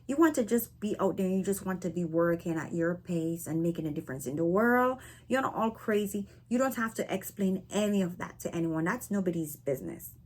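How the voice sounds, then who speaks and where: A woman's voice: on the low side, animated, fairly quick, hardly any pauses, darkish tone. A woman from Barbados with a Barbadian accent, talking casually to camera as a vlogger and checking in often with "right?" and "okay?". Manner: chatty, frequent "right?" and "okay?" tags. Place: living in North America.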